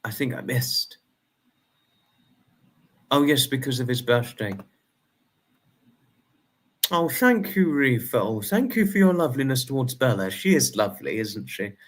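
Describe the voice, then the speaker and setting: His mid-range voice swings widely in pitch, unhurried and full of pauses, as this young man in his twenties runs a casual livestream. He rambles along in a friendly way, answers viewer comments by name, and restarts number sums out loud.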